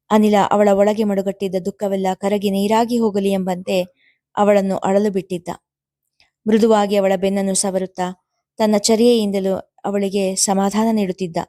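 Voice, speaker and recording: Woman storyteller reading a romance serial, steady, dark mellow tone. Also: medium pitch, no room sound, studio quality.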